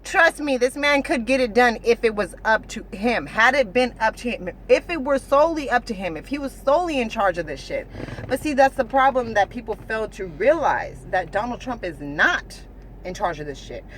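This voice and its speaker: A woman's voice: a little high, moderate pace, slight background noise. A woman vlogger ranting casually to her viewers, swearing a lot, restarting her sentences and asking "you know what I'm saying" again and again. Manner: restarts and stumbles, animated. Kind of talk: casual rant to camera.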